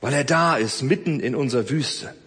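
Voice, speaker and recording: A man preaching a sermon, swinging between loud emphasis and soft, close speech. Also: mid-range voice, normal speed, husky, big-room sound. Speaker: pastor.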